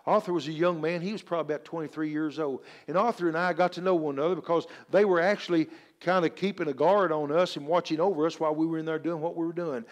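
A man preaching a sermon, telling scripture and personal stories with earnest emphasis. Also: sits high.

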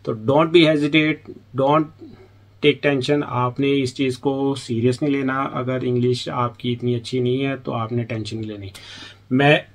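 Man, from Pakistan, casual advice vlog, chatty, acts out exchanges, mid pitch. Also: little pitch movement, a little slow. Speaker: vlogger and international student in the UK.

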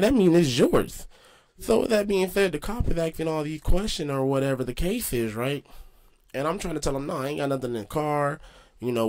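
A young man casually telling a story, slangy and animated, with lots of swearing. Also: medium pitch. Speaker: host.

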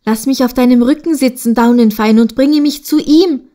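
Woman reading lil boy yelling urgent, kinda higher. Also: normal speed, lightly acted. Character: tiny eager boy.

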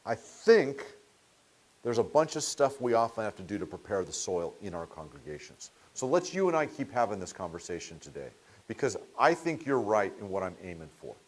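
A man's voice: lowish voice, very animated, a little fast. A middle-aged man giving a seminar lecture to a small audience, telling stories in a conversational way and often restarting words mid-sentence. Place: meeting room with audience.

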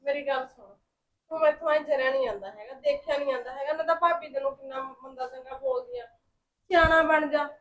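Actress as a coaxing, pleading Punjabi sister. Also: female voice, high voice, steady tone, brisk, dull audio, lightly acted. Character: pleading younger sister of a drunk man.

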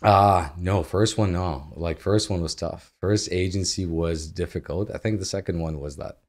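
A man's voice: low voice, normal speed. A man in his thirties from Ukraine, a guest in a casual home interview, talking in an easygoing way with loose phrasing and frequent laughs. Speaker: guest, agency founder. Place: home living room. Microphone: studio mic on boom arm.

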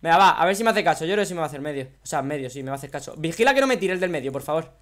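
A young man, excitably commentating a game with a friend, yelling and taunting other players. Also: a little high, racing. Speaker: gaming YouTuber.

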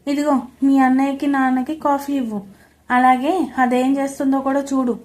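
A woman voicing a domineering middle-aged mother-in-law in an audio story, scolding and shouting. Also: high-pitched, level tone, moderate pace, natural voice. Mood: scornful.

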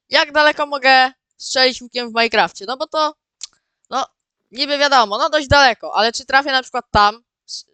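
A man giving casual, excitable gameplay commentary as the host of his own channel, often repeating words and calling out to his viewers. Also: high-pitched, smooth, no echo. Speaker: gaming video host.

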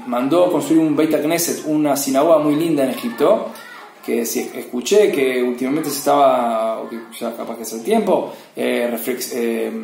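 A man who teaches Torah, telling a story in a lesson, halting with many restarts and fillers. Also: mid-range voice, gravelly, darkish tone, echoey room, a little hiss or hum.

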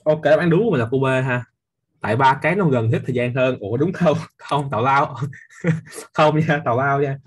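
Casting: young male physics teacher, husky, teasing, quizzes the class. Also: medium pitch, a little fast. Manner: lively, quizzing students by name, teasing. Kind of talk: live online class quiz review.

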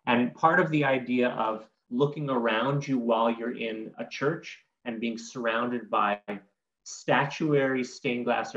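This guest art historian, a man in his forties, explains things articulately and in a teaching manner during an interview. His voice is medium-pitched and fairly bright. He's on a computer microphone over a video call from a home room with bookshelves, so the audio comes through dull and echoey.

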